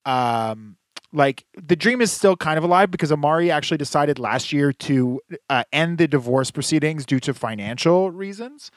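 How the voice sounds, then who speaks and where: A man's voice: a little high, expressive, moderate pace, no room sound. A man co-hosting a podcast in casual chat, rambling with lots of fillers and dry, sarcastic asides. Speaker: podcast co-host.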